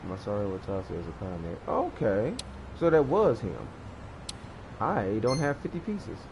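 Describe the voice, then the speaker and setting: A man's voice: fairly low pitch, sing-song, moderate pace, background noise. A man in his thirties giving casual let's-play commentary, rambling and laughing often as he acts out screams. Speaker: gaming YouTuber. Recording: game music behind voice.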